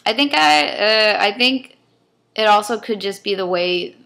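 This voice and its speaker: This young Californian vlogger has a medium-pitched voice that is gravelly, bright and forceful, with lively intonation and a slightly slow delivery. Her Californian accent carries a Chinese-immigrant lilt as she rambles hesitantly through a casual rant, thinking aloud with lots of ums.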